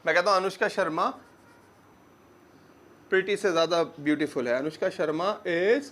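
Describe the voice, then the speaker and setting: In a classroom lecture, a young man with a high-pitched, slightly bright voice teaches grammar to a class. He poses a question and answers it himself, repeating key words slowly so students can keep up.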